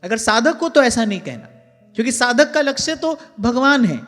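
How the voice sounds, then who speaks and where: A man's voice: extremely high pitch, very animated, normal speed, fairly bright tone. A male spiritual teacher giving a devotional sermon in a large hall, earnestly repeating key phrases for emphasis. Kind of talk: devotional sermon with sung verses. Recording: long hall reverb, faint music.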